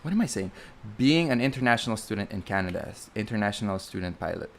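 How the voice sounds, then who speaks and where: Fast and animated, with a fairly low pitch and slight background noise, a young man with a Filipino accent hosts a live Q&A stream. The flight instructor from the Philippines is chatty and rambling, constantly self-correcting with many fillers.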